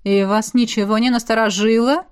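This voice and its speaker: A woman's voice: fairly high pitch, steady tone, normal speed, darkish tone, clear, resonant tone, close to an everyday voice. A woman voicing a stern female academy rector who lectures her students in a cutting, reproachful manner.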